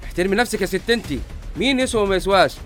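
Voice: medium pitch, lively intonation, racing, soft background music, close to an everyday voice. Someone doing a furious Egyptian dad. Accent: Egyptian Arabic. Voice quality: gruff, threatening. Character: furious middle-aged Egyptian father.

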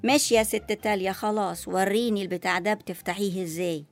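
An actress playing a suspicious, sharp-tongued elderly grandmother in a comedy sketch, speaking with an Egyptian accent. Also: medium pitch, steady tone, quick pace, no echo, faint music behind, natural voice. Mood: grumbling. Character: fussy elderly grandmother new to phones.

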